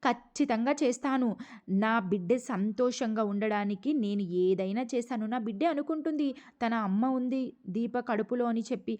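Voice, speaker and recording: A woman's voice: a little high, warm tone, natural voice. A woman voicing a stern old grandfather. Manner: firm, declaring vows. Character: stern elderly man, protective grandfather, resolute.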